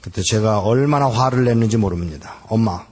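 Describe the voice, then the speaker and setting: An older pastor from Korea preaches in a large hall and tells his own life story as a sermon. His voice sits at a middle pitch, and he brings remembered conversations to life as he speaks. The sound carries a long, roomy reverb. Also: expressive, normal speed. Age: 60s. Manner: dramatic storytelling, acting out remembered dialogue. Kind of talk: sermon with personal testimony. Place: large hall at a church gathering.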